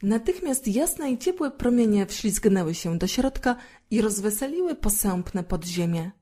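Mellow-voiced woman reading a fairy tale. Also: medium pitch, a little slow. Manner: gentle, expressive storytelling. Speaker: storyteller.

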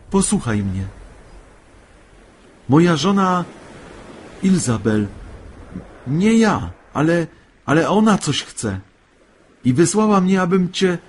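A man's voice: fairly low pitch, darkish tone, breathy edge, pitched above the performer's own voice, heavily acted. A man voicing a timid, fearful fisherman husband in a spoken fairy tale, with hesitant, stammering, pleading speech.

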